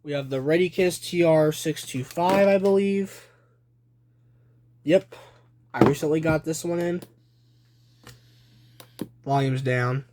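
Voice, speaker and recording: This young adult man presents his collection in a relaxed show-and-tell video, his somewhat high voice listing items in short, deliberate phrases. He holds the phone behind the camera in a small room at home, and the footage is noisy, with clicking audible.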